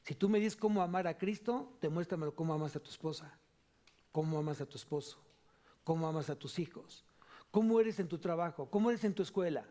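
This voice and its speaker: A man with a Mexican Spanish accent preaching a sermon in church as pastor, emphatic, repeating key phrases and moving between loud and soft delivery. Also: a little high, a little fast. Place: church sanctuary.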